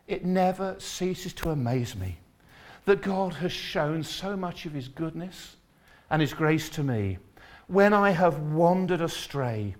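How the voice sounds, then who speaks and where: A man preaching with earnest fervour, his voice sitting a little higher than most men's. He slows down and draws out important words for weight, then speeds through asides. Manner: earnest, fervent, slows and stretches key words. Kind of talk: sermon.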